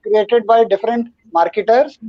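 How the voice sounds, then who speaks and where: High-voiced man, emphatic, muffled call. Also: little pitch movement, moderate pace, crowd noise. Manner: emphatic, lecturing. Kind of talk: online panel discussion.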